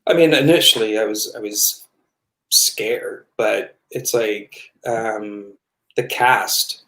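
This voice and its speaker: A man from Halifax answers interview questions slowly over a video call. He halts and fills his pauses with ums and restarts as he talks. His voice carries an echoey room sound from his end of the call. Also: lowish voice, pushed and bright. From Halifax, Nova Scotia. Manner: hesitant, halting, full of fillers. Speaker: guest actor. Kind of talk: casual interview chat.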